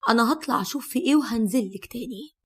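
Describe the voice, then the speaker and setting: A woman's voice: a little high, rapid-fire, fairly bright tone, husky. A woman with an Egyptian accent voicing a stubborn, defensive young husband who talks in an insistent, dismissive way.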